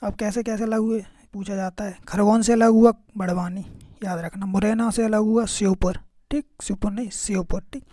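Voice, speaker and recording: A high-pitched yet dark and mellow male voice leads a relaxed exam-prep lesson at a moderate pace, his tone steady. He repeatedly checks in with "okay" and "remember this" while quizzing listeners. The audio is dry and close, free of room sound.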